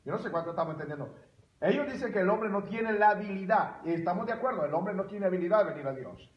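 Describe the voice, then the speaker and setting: A male pastor preaching a sermon, animated and emphatic, with bursts of loud exclamation. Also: high voice, fast, reverberant, muffled recording. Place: church sanctuary.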